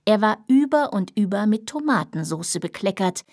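A woman reading a children's book aloud in a lively, expressive storytelling manner. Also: mid-range voice, moderate pace, no echo, clean studio sound. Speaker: narrator.

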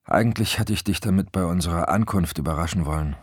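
A man's voice: deep voice, fast talker, husky, no room sound, clean studio sound. A man voicing a secretive husband who answers in an offhand, reassuring way. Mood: breezy. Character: breezy, secretive husband at the wheel.

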